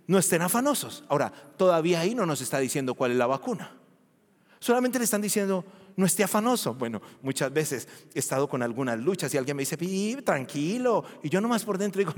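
A man preaching a sermon as pastor, animated and often asking the congregation questions. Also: fairly high pitch, in a large hall.

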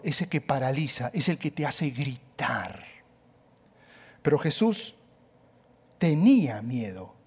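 A male pastor preaching a sermon, emphatic and conversational, with quick asides to the congregation. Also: on the high side, a little mellow.

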